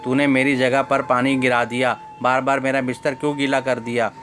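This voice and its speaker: A short-tempered grown son, as a man reads him, speaks in a flat, mid-pitched voice with complaining impatience. Soft music plays in the background. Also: a little fast, close to an everyday voice. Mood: irritated.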